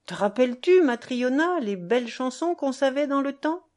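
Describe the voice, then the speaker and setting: Brief: old grandmother over 70, gruff and scolding, fussing, read by a woman. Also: high-pitched, animated, moderate pace, a little mellow, voice pushed up. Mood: wistful. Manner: scolding, grumbling.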